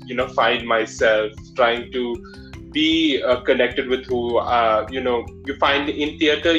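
A man speaks English with a clear Malayali accent, telling a personal story as an interview guest. His delivery is halting and conversational. The recording is dull and lo-fi, with music behind him. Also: medium pitch, fairly bright tone. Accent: Malayali Indian English. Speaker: interview guest, drag performer.

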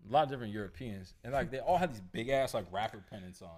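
A man's voice: mid-range voice, lively intonation, very fast, darkish tone. A man telling a long story in casual chat, rambling and swearing with lots of fillers.

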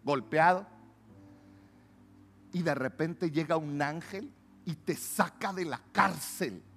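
A man preaching a sermon, swinging between loud emphatic calls and low hushed asides. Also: slow, slightly rough, soft background music.

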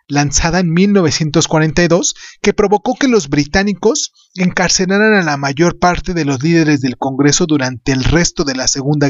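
A man's voice: a little high, dry recording, muffled recording. A man hosting a podcast, reading scripted history narration. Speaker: podcast host.

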